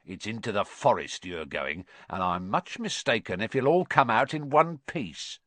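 Guy putting on a nasty old caretaker, sneery, gloating, lively up and down, dry close sound. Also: lowish voice, moderate pace, no room sound. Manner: sneering, voice cracking with glee.

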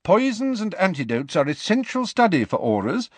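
Audiobook role: male reader as strict older female professor, raised pitch, swooping emphasis, clipped, haughty, icily curt. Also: very animated, normal speed, no echo. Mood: businesslike. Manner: clipped, curt, through gritted teeth when provoked. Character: stern, crisp, older woman professor, dry and haughty.

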